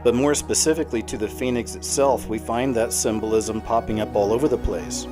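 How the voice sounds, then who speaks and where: A man's voice: medium pitch, steady tone, brisk. A man delivering scripted commentary as a narrator. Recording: music under the voice.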